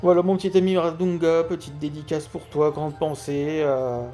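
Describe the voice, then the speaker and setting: Un homme qui zozote, avec des s chuintants, commente en amateur un match de jeu vidéo en direct et répète certains mots pour insister. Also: male voice, on the high side, little pitch movement, normal speed, warm tone, faint music behind. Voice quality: lisping, slushy s and sh sounds. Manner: repeats key words for emphasis. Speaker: amateur live streamer. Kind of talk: football video game commentary and dedication to a friend.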